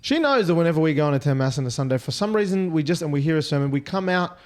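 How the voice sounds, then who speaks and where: A man's voice: on the high side, expressive, racing, a little mellow. A married man in a casual podcast chat, rambling with many restarts and "like" fillers. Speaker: podcast co-host.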